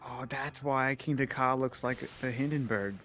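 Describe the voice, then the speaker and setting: A man's voice: medium pitch, steady tone, normal speed. Joking man on a stream, music behind. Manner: joking, mock-dramatic asides. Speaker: stream co-host. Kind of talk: casual gameplay chat.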